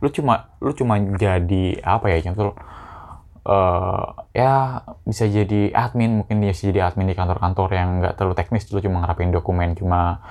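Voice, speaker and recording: A young man hosts a casual solo podcast, rambling in slangy, Jakarta-style informal talk with lots of restarts. His voice sits low, steady and darkish, at a normal speed.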